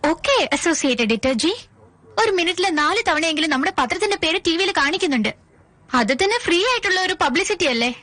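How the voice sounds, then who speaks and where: A woman's voice: very high-pitched, lively intonation, fast, bright, forceful tone, no room sound, exaggerated voice. A woman voicing a young newspaper co-worker in a dubbed film, talking in a teasing, playful way. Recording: film soundtrack with music.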